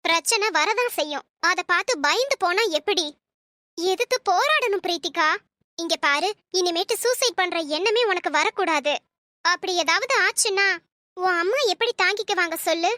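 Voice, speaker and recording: A woman's voice: very high-pitched, expressive, normal speed, sharp tone, dry recording, clean studio sound, full character voice. A woman voicing a cunning young sister-in-law in a cartoon story, coaxing and conspiratorial.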